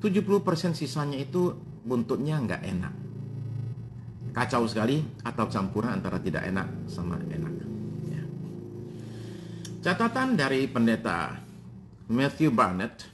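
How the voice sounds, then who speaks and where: A man in his fifties, a pastor preaching a sermon, speaking directly to his congregation with frequent pauses and fillers, answering his own questions. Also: medium pitch, sing-song, noisy background. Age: 50s. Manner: addresses congregation directly, asks and answers himself.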